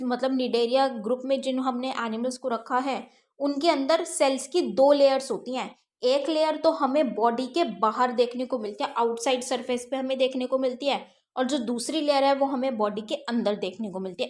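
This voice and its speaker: A woman with a high, light voice teaching an exam-prep science class. She reads each textbook line slowly, then explains it plainly, asking a question and answering it herself. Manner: explains step by step, asks and answers her own questions.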